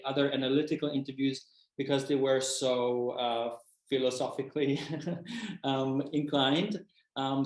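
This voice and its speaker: A man's voice: medium pitch, echoey room, low-quality recording. A man giving an academic presentation about his research project, speaking hesitantly with many fillers and restarts.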